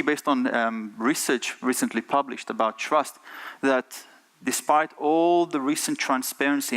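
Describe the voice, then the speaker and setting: A middle-aged man with an Israeli accent delivers a keynote talk from a conference stage in an ordinary-pitched, fairly bright voice. He speaks earnestly, repeatedly posing rhetorical questions to the audience.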